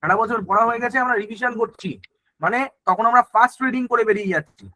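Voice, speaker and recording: A man's voice: very high voice, quick pace, pushed and bright, no echo, low-quality recording. A man teaching an exam-prep lesson. He explains in Bengali mixed with English terms and keeps checking that the class is following.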